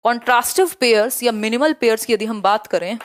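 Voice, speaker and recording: A young woman teaching an online exam-prep lecture, brisk and chatty, mixing in English terms. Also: a little high.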